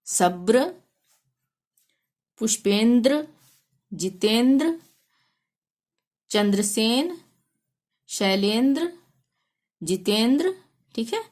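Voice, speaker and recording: Woman teacher, slow and patient, spells out letters one by one. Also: on the high side, a little mellow. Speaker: Hindi teacher. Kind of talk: spelling lesson on a whiteboard.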